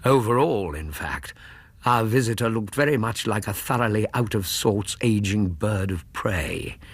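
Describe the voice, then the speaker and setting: A man acting a detective's doctor companion who narrates a radio drama in a husky, measured, literary way. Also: on the low side, animated, no echo, heavily acted. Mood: measured narration.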